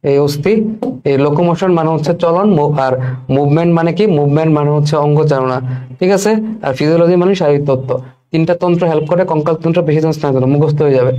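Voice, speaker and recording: A man's voice: fairly high pitch, quick pace, warm tone, lo-fi sound. A male biology teacher, giving an exam-prep lesson. He repeats key terms and keeps checking that students follow.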